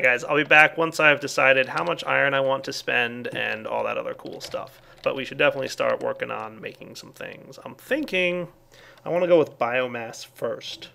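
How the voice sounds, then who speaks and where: A man's voice: mid-range voice, vocal fry, pushed and bright, slight background noise. A man casually commenting on his game as he plays, thinking aloud with lots of fillers. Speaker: let's play host.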